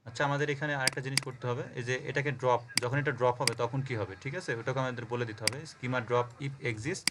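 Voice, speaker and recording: A man's voice: mid-range voice, steady tone, fast talker, heavy background noise. A man from Bangladesh teaching a programming class on a call, explaining step by step and often checking that students follow. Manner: explains step by step, spells words letter by letter, checks understanding often. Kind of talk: live coding lesson on a call.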